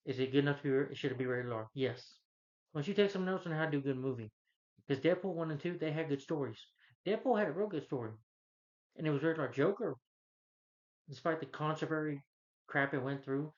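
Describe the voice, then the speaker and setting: A man delivering an angry, scornful review rant, speaking bluntly and emphatically and repeating phrases to drive his point home. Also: fairly high pitch. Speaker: film reviewer. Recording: dull lo-fi audio.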